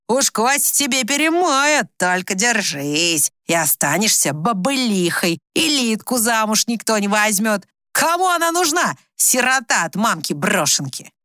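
A woman voicing a coarse, scheming older village woman with a hoarse voice, who scolds bluntly. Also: medium pitch, sharp tone, no room sound, clean studio sound.

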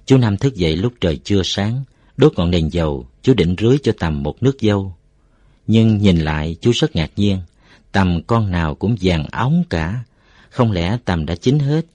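A man with a lowish voice reads a village story aloud at a steady, unhurried pace. The sound is close and dry, with no room echo. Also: husky. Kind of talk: scripted story narration.

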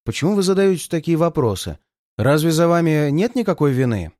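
A cocky young detective who jokes and needles the villain even while tied up, as a male reader plays him. His voice rides a little high and lively in a dry, close recording. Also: brisk, dry recording. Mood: sarcastic. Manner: sarcastic, laughing.

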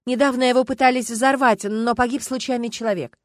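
A woman voicing an anxious, determined young woman who speaks urgently and high, in an audiobook. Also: steady tone, a little fast, no echo, clean studio sound, lightly acted. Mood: insistent. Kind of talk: audiobook narration.

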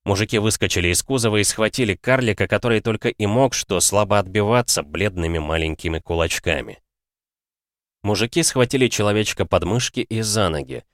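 A man narrating an audiobook in a steady, even storytelling manner. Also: fairly low pitch, fairly quick, no echo, studio quality.

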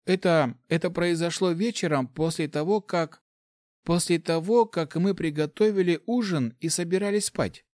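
A man's voice: on the high side, normal speed, a little mellow, no echo, studio quality, voice pushed up, close to an everyday voice. A man voicing a nervous male centurion who stammers and falters in a storybook reading.

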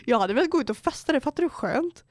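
Teenage girl, podcast host, slangy storytelling, fairly high pitch, dry close sound. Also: dry recording. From Borås, Sweden. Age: teenager under eighteen. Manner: animated anecdote-telling, full of slang, swearing and acted-out quotes. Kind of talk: casual storytelling chat.

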